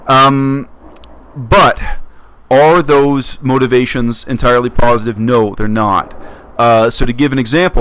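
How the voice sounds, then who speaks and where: A man from Canada talking earnestly to his viewers in a casual monologue, reflective and halting, often restarting his phrases. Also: medium pitch, a bit bright. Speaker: YouTube commentator.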